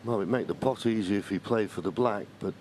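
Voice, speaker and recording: A man giving low-key, analytical snooker commentary as play goes on. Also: a little fast, darkish tone. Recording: faint arena background noise.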